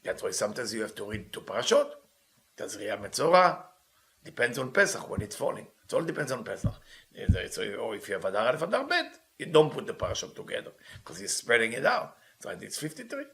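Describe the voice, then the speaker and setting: Lively man teaching, English. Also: mid-range voice. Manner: reads Hebrew quickly then explains in English; asks and answers his own questions. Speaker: Kabbalah teacher. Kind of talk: teaching a text.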